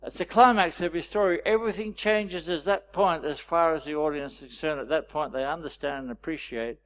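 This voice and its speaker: A man leading a storytelling workshop, teaching with wry anecdotes and frequent pauses. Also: on the high side. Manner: anecdotal, wry, pausing often. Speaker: workshop presenter.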